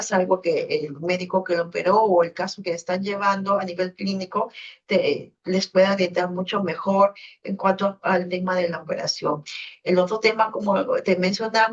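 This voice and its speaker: A female teacher giving gentle, reassuring advice to a student on a video call, pausing often as she speaks. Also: mid-range voice, far from the mic, muffled recording. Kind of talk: counseling a student in an online class.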